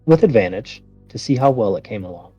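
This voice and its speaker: A man's voice: on the low side, expressive, fast talker, mellow, husky, dry recording, highs cut off. A man acting as game master, casually narrating a tabletop role-playing game. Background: background music.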